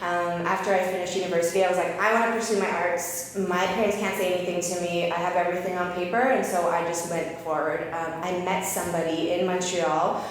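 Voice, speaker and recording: A woman in her thirties from Calgary, an eyebrow artist telling her story as an interview guest in an open, energetic way. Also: fairly low pitch, fairly quick. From Canada (Calgary). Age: 30s. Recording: roomy reverberant space with faint noise.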